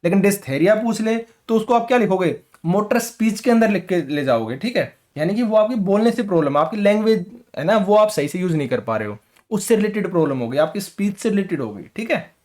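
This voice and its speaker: A man's voice: high voice, animated, brisk, darkish tone. A man teaching an exam-prep lecture in colloquial Hindi with a rural North Indian accent, mixing in English terms and often checking in with "ठीक है?". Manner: conversational, keeps asking "ठीक है?".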